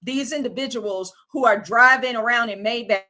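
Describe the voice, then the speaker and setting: A woman's voice: on the high side, moderate pace, pushed and bright. A woman, hosting a livestream and ranting in an exasperated, casual, slangy way. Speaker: livestream host.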